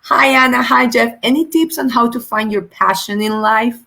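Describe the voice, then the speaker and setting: A woman's voice: fairly high pitch, moderate pace, vocal fry. A woman hosting a live stream, reading out viewer comments and chiming in. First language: Spanish. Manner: reads viewer comments, warm backchannels, laughs easily. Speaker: host.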